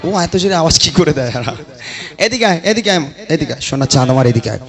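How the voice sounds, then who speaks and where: Teasing stage announcer. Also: male voice, on the high side, sing-song, very fast, soft background music. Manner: teasing, coaxing the audience. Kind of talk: joking crowd banter. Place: live outdoor gathering on a stage. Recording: crowd noise behind. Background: crowd.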